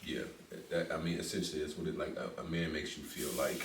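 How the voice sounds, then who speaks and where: A man's voice: a bass voice, fairly even intonation, a little fast, noisy background. Man, podcast host, laid-back and playful, roomy distant sound. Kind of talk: casual podcast interview. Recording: echoey room, distant mic.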